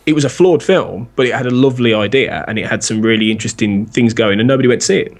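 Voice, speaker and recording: A man's voice: medium pitch, fast. A man, a podcast guest, rambling in casual chat and laughing often.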